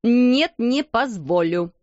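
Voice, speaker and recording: A woman's voice: a little high, expressive, a little slow, dry recording. A woman reading aloud, voicing a stern, greedy schoolmistress who barks harsh commands, on a dull, dry recording. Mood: furious.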